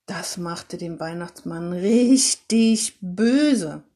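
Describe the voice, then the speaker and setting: A woman reading a Christmas story aloud in an expressive, unhurried way. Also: on the low side, slightly rough.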